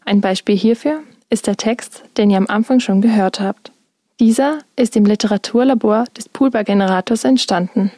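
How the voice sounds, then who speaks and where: Mellow-voiced woman reporter, dry sound. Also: mid-range voice, moderate pace, no room sound. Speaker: student radio reporter. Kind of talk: scripted narration.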